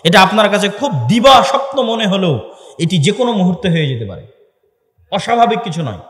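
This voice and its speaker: A man's voice: high-pitched, very animated, brisk, a bit bright. A man giving an impassioned sermon-style speech to an audience in a large hall, firing off rhetorical questions. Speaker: Islamic lecturer. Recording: echoey hall with long reverb.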